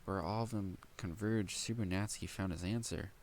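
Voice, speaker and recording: A young man reading a novel aloud, stumbling over words now and then and stopping to react with excited commentary. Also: low-pitched, slight background noise. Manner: reads haltingly with slips, breaks off to react excitedly. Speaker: light novel reader and reactor. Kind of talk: casual read-aloud with commentary.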